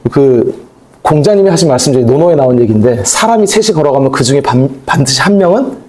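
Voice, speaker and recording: A male pastor preaching a sermon in a conversational, animated way, with asides and acted-out quotes. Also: mid-range voice, quick pace.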